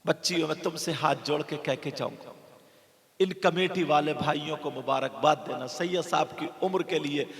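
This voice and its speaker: A man preaching a dramatic sermon at a village gathering, moving between chanted high cries and hushed low speech. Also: moderate pace, crowd noise. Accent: North Indian Urdu-Hindustani. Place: outdoor religious gathering with stage, heard through loudspeakers. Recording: echoey PA sound with long reverb.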